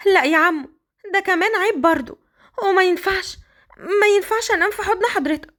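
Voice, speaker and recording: A woman with an Egyptian accent voicing a timid young orphan girl who pleads in a quick, anxious way. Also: very high voice, fairly bright tone, voice pushed up. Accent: Egyptian Arabic.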